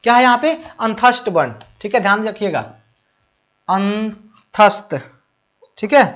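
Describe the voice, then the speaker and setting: A man's voice: high voice, lively intonation, fast talker, a bit bright. A male teacher explaining grammar for a board exam. He keeps asking questions and answering them himself, and checks often that the students follow. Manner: affectionate address to students. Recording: muffled lo-fi audio.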